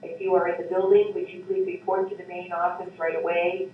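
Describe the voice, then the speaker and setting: A man's voice: high-pitched, flat delivery, fairly quick, heavy reverb, a little hiss or hum. A man making a formal announcement over a school intercom, asking someone to report to the office. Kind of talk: public address announcement. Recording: tinny intercom heard from far off in a classroom.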